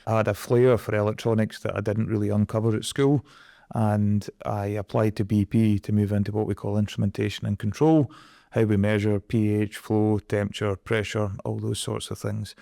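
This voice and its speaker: A man's voice: fairly low pitch, level tone, normal speed, creaky, dark tone, dry recording, clean studio sound. A Scottish man in his forties, a guest in an interview, talking earnestly and reflectively about his career. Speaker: guest, energy project director. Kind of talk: conversational interview.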